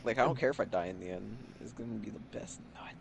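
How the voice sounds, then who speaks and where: A young man co-hosting a podcast, chatting casually and cracking crude jokes with quick quips. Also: lowish voice, gravelly, slight background noise. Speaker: podcast co-host. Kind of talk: casual chat.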